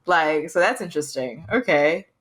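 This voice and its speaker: A woman co-hosting a casual podcast chat, telling lively stories, acting out quotes and swearing freely. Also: low voice, normal speed. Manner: animated storyteller, acts out quotes, swears freely. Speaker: podcast co-host.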